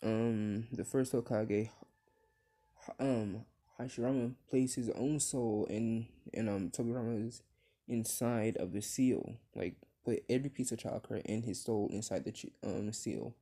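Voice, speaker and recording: A young man improvising a fan-fiction story out loud, rambling with many fillers and restarts. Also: fairly low pitch, measured pace.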